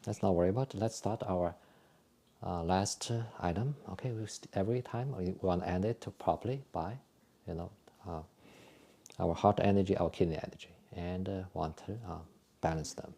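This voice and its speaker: A man's voice: sits low, vocal fry. A man instructing a live tai chi and qigong class in a conversational, step-by-step way. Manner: hesitant, repetitive, conversational when explaining; gentle, unhurried step-by-step cueing during exercises.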